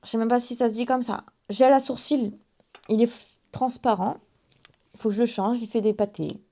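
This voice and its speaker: A woman's voice: fairly high pitch, steady tone, normal speed, dark tone. Chatty young French-speaking woman vlogging. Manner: chatty, self-mocking asides. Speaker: beauty vlogger. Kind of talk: casual makeup haul chat to camera.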